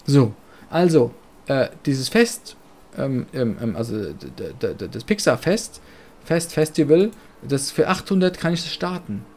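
A man's voice: medium pitch, big pitch swings, measured pace, a little mellow, a little hiss or hum. A man from Germany giving chatty, rambling, blunt and jokey commentary while playing a life-sim game. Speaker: let's play gamer. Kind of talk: casual gameplay commentary.

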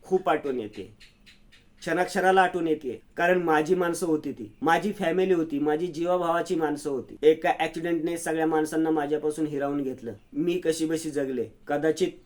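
A man's voice: a little high, moderate pace, lightly acted. A man playing a cold, ruthless woman. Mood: grieving. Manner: clipped, cold and threatening. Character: cold, ruthless older woman, secretive and menacing.

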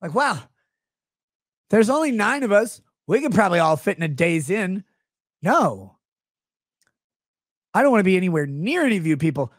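Male streamer, 30s, high and bouncy delivery, sarcastic tangents, dry close-mic sound. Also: big pitch swings, moderate pace, long pauses, dry recording. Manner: sarcastic, rambling, jumps between voices. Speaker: streamer host. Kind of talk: comedic live-stream rant. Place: small home studio room, indoors. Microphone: close studio mic on stand.

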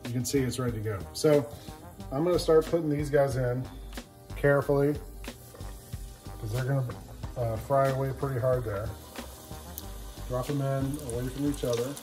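A man in his thirties hosting a home cooking show, explaining each step in a relaxed way as he cooks in his kitchen. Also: medium pitch, normal speed, pauses often, poor audio. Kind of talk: casual cooking demonstration. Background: background music.

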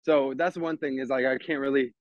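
A man's voice: medium pitch, fairly even intonation, a little fast, dull audio. A man from Texas chatting casually, rambling and swearing freely while describing events he organizes. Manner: rambling, laid-back, swears a lot. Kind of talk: casual chat.

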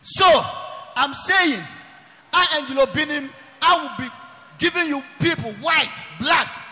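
A man preaches in a very high, bright, forceful voice, hammering points home and often breaking into shouts. His voice rings through a large church hall with a long reverb trailing each phrase. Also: measured pace. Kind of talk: preaching sermon.

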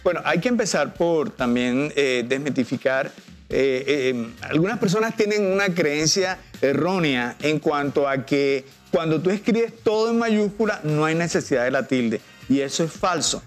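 A man's voice: on the high side, animated, moderate pace, soft background music. A man with a Colombian Spanish accent, a teacher guest explaining in a patient, didactic way and drawing out example words. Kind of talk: explanatory TV interview.

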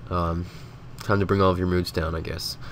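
Low-pitched and level in tone, a man with a stuffy, sick-sounding nose talks at a moderate pace over game footage as a gaming video host. His commentary rambles casually and is packed with fillers, with a little hiss or hum in the recording.

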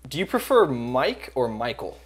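A man's voice: medium pitch, very animated, moderate pace, a little hiss or hum. A young adult man hosting a casual chat, asking questions in an easy, friendly way. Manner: friendly interviewer, many "um" fillers, laughs along. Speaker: host.

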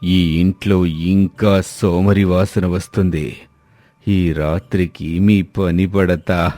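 A man voicing a menacing cold-season ghost that hunts lazy people, speaking slowly and low. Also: steady tone, mellow, no room sound.

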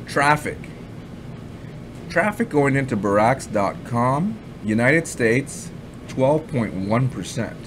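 Over a screen recording, a Canadian man from Ottawa who reviews online marketing offers blunt, rambling, casual commentary, repeating himself and swearing occasionally. His voice is mid-range, expressive and slow, and background noise can be heard.

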